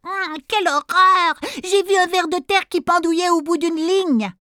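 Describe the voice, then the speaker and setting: A woman's voice: very high voice, normal speed, bright, forceful tone, no echo, studio quality, voice pushed up. A woman voicing an appalled, squeamish little shrimp in a children's audio storybook.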